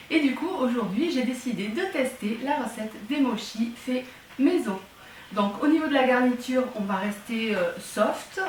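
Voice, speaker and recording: A woman cooking vlogger walking viewers through a recipe in a chatty, casual way, often pausing on fillers. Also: on the high side, a little hiss or hum. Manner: chatty, hesitant with frequent fillers. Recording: echoey room.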